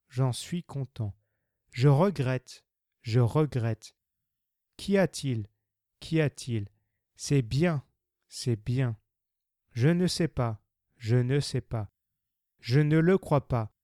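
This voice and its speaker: Slow deliberate man drilling phrases. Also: mid-range voice, dark tone, dry recording, clean studio sound. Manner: slow, deliberate, careful pronunciation. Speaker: language teacher.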